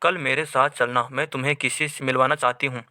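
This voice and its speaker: A man's voice: medium pitch, steady tone, a little fast, sharp tone, dry recording. Young wife, anxious and pleading, read by a male narrator, dry close sound.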